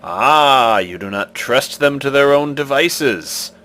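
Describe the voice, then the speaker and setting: A man voicing a giant stone face guardian in a tabletop game, testing visitors with booming, ceremonious questions. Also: animated, takes it slowly, bright, forceful tone. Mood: imperious. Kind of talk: tabletop game role-play.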